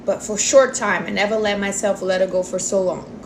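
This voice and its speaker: Answering viewers' diet questions on a livestream, a forty-year-old woman chats casually in informal, non-native English phrasing. Her mid-range voice holds a steady tone and runs a little fast. The audio is poor, with slight background noise.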